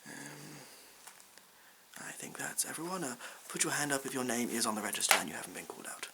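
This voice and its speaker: A man playing a bumbling, self-important supply science teacher in an ASMR role-play, hesitant and rambling, with deadpan asides. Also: medium pitch, brisk, gravelly. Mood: hesitant, bluffing. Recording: hissy background noise.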